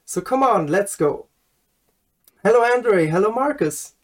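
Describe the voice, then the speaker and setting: A woman's voice: mid-range voice, expressive, unhurried. Lady host kicking off an interview, upbeat, kinda far from the mic. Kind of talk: casual interview. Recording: distant from the mic.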